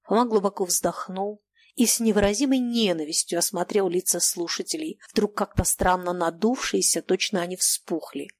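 Dry, measured woman narrator. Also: mid-range voice, darkish tone, dry recording. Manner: measured, dramatic. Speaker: audiobook narrator. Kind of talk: expressive literary narration.

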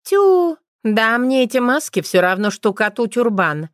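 A woman putting on a loud, cheeky dark witch, brassy and folksy, high and bold, in a dry, close recording. She teases and mocks with plainspoken bluntness, as an audiobook narrator does her. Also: sing-song, measured pace, no echo. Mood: teasing. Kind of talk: audiobook character voice.

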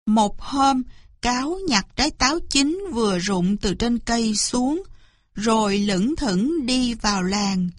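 A woman narrating a children's story in a gentle, clear reading voice. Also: fairly high pitch, animated, takes it slowly, no echo, studio quality.

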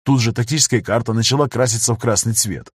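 A man narrating a sci-fi audiobook at a brisk storytelling pace. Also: medium pitch, husky, no echo, studio quality.

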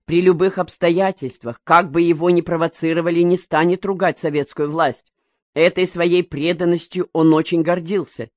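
A woman narrating a novel as an audiobook reader in an even, measured way. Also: lowish voice, dry recording. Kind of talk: scripted narration.

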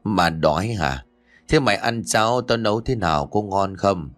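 A man putting on a husky ghost innkeeper woman. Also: on the low side, normal speed, soft background music. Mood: menacing. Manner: flat, soulless questioning. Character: ghostly female innkeeper, cold and menacing.

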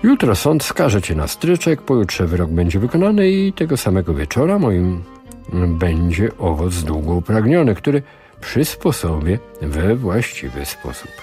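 A man voicing a scheming older male sorcerer who lectures in a slow, measured way. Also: deep voice, big pitch swings, mellow, soft background music. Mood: gloating.

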